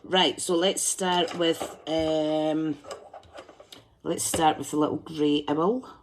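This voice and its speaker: A woman with a deep, flat voice speaks slowly over a slight hiss or hum. She's hosting a live colouring demonstration for a craft tutorial, chatting and thinking aloud as she colours and humming to herself while she concentrates.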